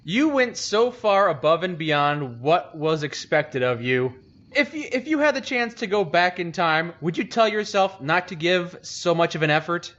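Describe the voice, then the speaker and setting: A man with a high, very lively voice chats with a guest and slips in wry, teasing remarks. His voice is bright and sharp, and the stream audio sounds dull and lo-fi. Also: normal speed. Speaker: streamer host. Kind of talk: casual chat, reacting.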